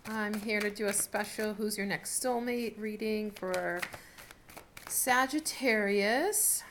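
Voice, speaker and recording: A woman giving a casual, unscripted tarot reading as host, talking in a chatty, halting way as she thinks aloud. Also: medium pitch, flat delivery. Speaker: tarot card reader hosting a video reading. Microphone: camera set up in front of the speaker. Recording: noticeable background noise with clicks.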